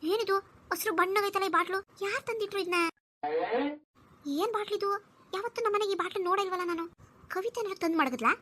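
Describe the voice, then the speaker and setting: A nosy, scolding old mother-in-law played by a woman grumbles and mutters to herself in a very high, bright voice at a quick clip. It is cartoon voice acting. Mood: suspicious.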